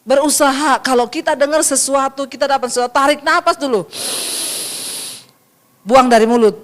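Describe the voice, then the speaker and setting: A woman pastor giving a sermon in a lively storytelling manner, often turning to her listeners directly. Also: high-pitched, normal speed.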